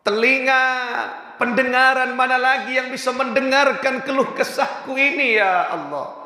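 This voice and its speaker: A man's voice: level tone, normal speed, gravelly, close to an everyday voice. A preacher voicing a poor, desperate father who pleads tearfully for food for his hungry children. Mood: tearful pleading. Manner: pleading, tearful crying out to God. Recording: booming reverberant hall.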